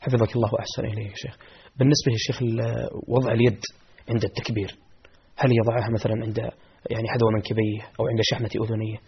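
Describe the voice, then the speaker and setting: A man's voice: fairly low pitch, flat delivery, very fast, husky. A man presenting a religious radio Q&A, politely putting questions to a scholar. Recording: dull lo-fi radio broadcast.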